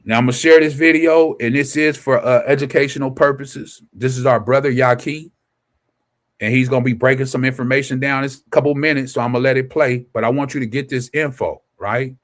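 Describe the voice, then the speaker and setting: With a steady, medium-pitched voice and a slightly fast delivery, a scripture teacher reads aloud and preaches informally to an online audience. During the study livestream he asks himself rhetorical questions and answers them.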